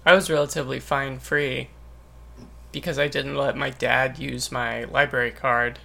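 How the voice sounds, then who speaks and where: Man, casual chat, deadpan teasing, rambling, heavy vocal fry. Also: medium pitch, normal speed. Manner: dry joking, rambling.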